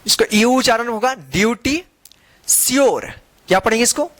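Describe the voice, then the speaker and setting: High-voiced man teaching phonics. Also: animated, fairly bright tone. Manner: patient, drills words and asks the class to repeat; spells out letters slowly before reading each word. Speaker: English teacher. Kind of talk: classroom phonics lesson.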